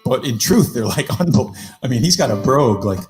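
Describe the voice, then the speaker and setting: A man, a guest musician, chatting casually between songs and swearing freely in quick bursts. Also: medium pitch, animated, darkish tone, faint music behind. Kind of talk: singing with guitar and casual chat.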